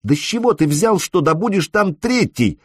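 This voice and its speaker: A man's voice: a little high, big pitch swings, unhurried, husky, no echo, studio quality, pitched above the performer's own voice, exaggerated voice. Man voicing an anxious, fiery young woman. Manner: pleading, then scolding in a raised voice. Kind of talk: audiobook character voice.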